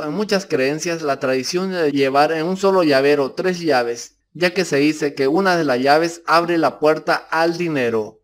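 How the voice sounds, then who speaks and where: A man reads a scripted narration in a steady, measured way. His voice sits a little high for a man, and he keeps an even pace through long lists.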